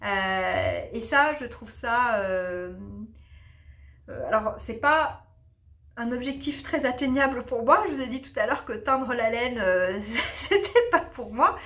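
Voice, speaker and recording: A woman's voice: a little high, lively intonation, slow pace, fairly bright tone. A woman hosting a knitting podcast, who also teaches English, chatting casually with lots of fillers and restarts. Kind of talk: casual chat.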